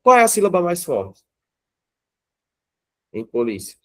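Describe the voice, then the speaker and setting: A man's voice: high voice, wildly swooping pitch, measured pace, a bit bright. A man with a Brazilian Portuguese accent teaching grammar to a class of students, often checking in with them and asking them questions.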